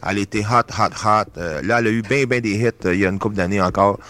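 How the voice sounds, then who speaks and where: A man's voice: on the low side, quick pace, fairly bright tone. A Canadian singer with a Québécois accent, talking in a loose, rambling way and slipping English phrases into his French during an interview. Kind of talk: casual interview talk.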